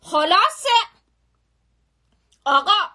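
A young woman chats on a phone live stream, spinning a story in a lively, slangy way that keeps circling back on itself. Her voice sits high and rings bright and sharp. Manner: animated, chatty, full of slang and repetition.

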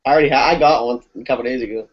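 A man's voice: medium pitch, racing. A young man joining a casual video call chat, teasing and joking with the others. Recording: muffled video call with faint noise.

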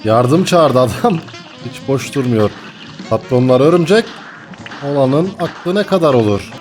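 A young man commentating his gameplay, excitable and jokey, swinging from mock panic to laughter. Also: mid-range voice, measured pace, soft background music. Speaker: gaming YouTuber.

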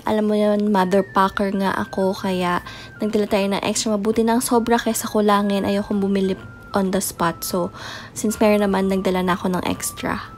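A young woman chatting through a voice-over and mixing in English words as she shows baby items. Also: medium pitch. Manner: chatty, mixes in English words, soft late-night voice. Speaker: mom vlogger. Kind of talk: casual voice-over show-and-tell. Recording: voice-over with faint music behind.

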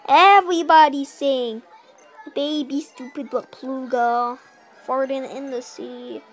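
Young woman, fairly high voice, excitable game commentary, rambling asides, faint game music behind. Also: slow. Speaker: gameplay narrator. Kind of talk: casual let's-play commentary. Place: small dim room indoors. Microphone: handheld camera filming a game screen.

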